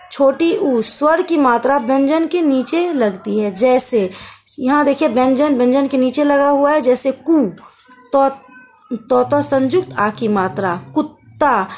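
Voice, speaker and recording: Woman primary teacher, high and slow, patient, stretches each syllable for small kids. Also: darkish tone. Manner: patient, drawn-out sounding of syllables, calls listeners beta. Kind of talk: online Hindi lesson for young children.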